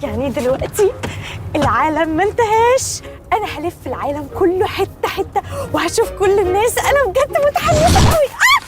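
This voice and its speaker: A woman's voice: very high-pitched, expressive, racing, recorded from a distance, over loud music. Wide-eyed naive young woman. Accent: Egyptian. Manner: innocent, scolding, wide-eyed. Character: naive sheltered young woman, childlike and earnest. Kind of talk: comedy series acting.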